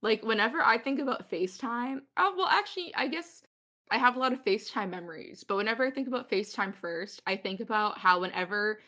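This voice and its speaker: A woman's voice: on the high side, expressive, fast, sharp tone. Bubbly young woman hosting a podcast. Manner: bubbly, giggly. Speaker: podcast host. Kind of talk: casual chat with friends.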